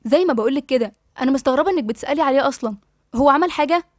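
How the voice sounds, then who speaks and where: A woman's voice: sits high, animated, very fast, no room sound, studio quality. A woman with an Egyptian accent voicing a puzzled, matter-of-fact young female coworker in an audiobook. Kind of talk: audiobook dialogue reading.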